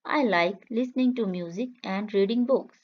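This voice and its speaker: A woman reading English practice questions and answers slowly for learners, saying each line twice in a clear, measured way. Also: mid-range voice, highs cut off. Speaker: English teacher. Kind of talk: slow repeated phrase reading for learners.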